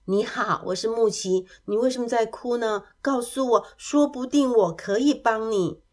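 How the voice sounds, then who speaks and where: A woman voicing a bashful but kind little boy who talks eagerly and excitably. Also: on the high side, moderate pace, lightly acted. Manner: eager, excitable, gently shy.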